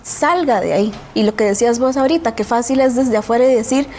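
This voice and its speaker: A woman's voice: fairly high pitch, fairly even intonation, fast, mellow. A woman with a Costa Rican accent speaks as a guest in a TV interview, with a voice set a little above the usual range for women. She tells her own story in a reflective, earnest way and often checks in with a questioning tag. A faint hiss sits under her voice.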